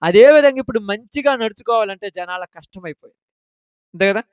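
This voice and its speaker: A man's voice: high-pitched, animated, fast, smooth, no echo, highs cut off. A man preaching a children's sermon, emphatically asking the children question after question.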